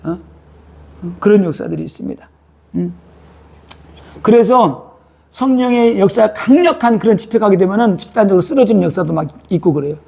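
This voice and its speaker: A man's voice: sits high, expressive, a little fast, vocal fry, pauses often, mellow, breathy edge. A male pastor preaching a sermon in a church, speaking colloquially and prodding listeners with a repeated "eh?".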